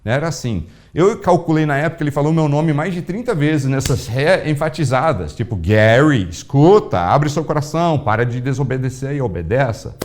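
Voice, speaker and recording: A man preaching a sermon as a pastor, telling a story with animated, acted-out dialogue. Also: brisk, hardly any pauses. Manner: animated storytelling, acting out dialogue with big pitch swings.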